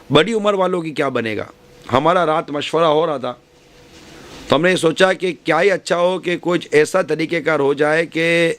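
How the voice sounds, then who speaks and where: A man preaching to a women's gathering, giving earnest advice and often repeating and rephrasing his points. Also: fairly high pitch. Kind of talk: religious speech.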